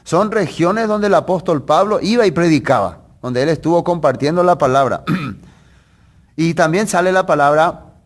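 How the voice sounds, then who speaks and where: A man with a somewhat high voice delivers a sermon as a Bible teaching. He keeps it conversational, asks his listeners rhetorical questions and stops to correct his own slips. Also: lively intonation, normal speed. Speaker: preacher.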